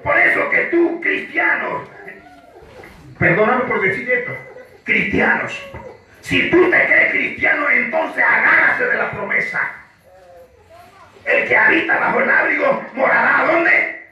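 A man with a Panamanian Spanish accent preaching a sermon, telling a story and breaking into fervent shouted refrains. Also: very high-pitched, lively intonation, measured pace, pauses often, lo-fi sound. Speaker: pastor. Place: large echoey church. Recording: echoey church hall, distant mic, music.

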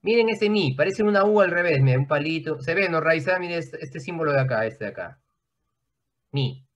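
A man's voice: on the high side, animated, brisk, a bit bright. A man teaching an online class, explaining at length in a conversational way and often checking in with his students.

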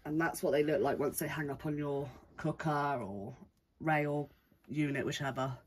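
Her cold makes her sound stuffed up as she chats through a show-and-tell of handmade crafts, giving the price for every item. The woman's voice sits low with a breathy edge, fairly even intonation, and a moderate pace. She is indoors at a craft table.

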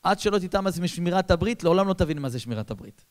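A man, a rabbi, telling a story in a sermon, talking straight to his listeners in casual speech, with loud bursts and soft low asides. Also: animated. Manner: addresses listeners directly, colloquial.

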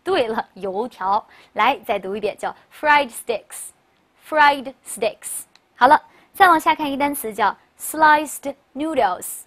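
Female language teacher, slightly high pitch, brisk drill-leading delivery with rhetorical questions. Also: expressive, a bit bright. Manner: brisk, leads repeat-after-me word drills; chatty, asks rhetorical questions. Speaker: English teacher. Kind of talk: recorded classroom lecture.

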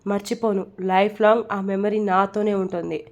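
A woman's voice: mid-range voice, little pitch movement, moderate pace, creaky, a little mellow, lo-fi sound, natural voice. A woman voicing an angry young man who talks in curt, commanding orders to his mother and his staff. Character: angry young man, bossy son and father.

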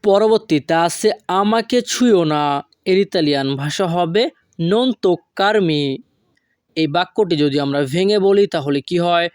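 A man from Bangladesh giving a language lesson, breaking phrases down and drawing out each foreign word slowly. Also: high voice, darkish tone, no room sound, clean studio sound. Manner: slow, drawn-out word-by-word pronunciation of foreign phrases. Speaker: language teacher.

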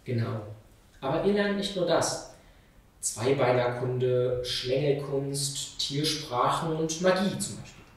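A man voicing a calm snake mother who speaks in a soothing but firm way. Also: medium pitch, takes it slowly. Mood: patient. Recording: very echoey room, mic far off.

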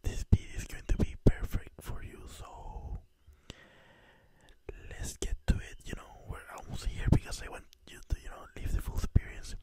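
A man's voice: normal speed, warm tone. A man whispering an ASMR travel vlog in a hotel room, talking loosely with frequent "you know" fillers and recorded without his usual microphone. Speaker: ASMR vlogger.

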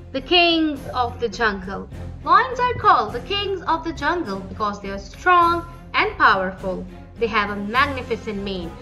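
A woman reading scripted nature documentary narration for children in a presentational, explanatory manner. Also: on the high side. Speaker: narrator of a children's educational animal video.

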